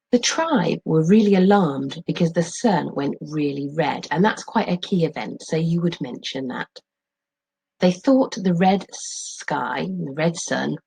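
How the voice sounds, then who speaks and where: A middle-aged woman acting as a teacher explains material and reads aloud in a clear, instructive way, phrasing things expressively. Her voice sits low, and the audio quality is poor.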